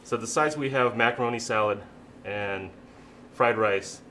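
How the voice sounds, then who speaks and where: Chef dude explaining the food, lowish voice but really bright and punchy. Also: male voice, measured pace, slight background noise. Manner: plain, explanatory. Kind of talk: explaining dishes. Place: TV studio.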